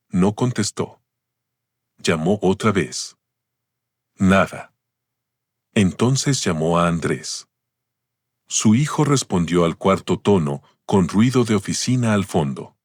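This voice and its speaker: A man narrates a family drama in a calm, measured way. His voice is very low and steady. The recording is dry, with no room sound. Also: dry recording. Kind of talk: scripted story narration.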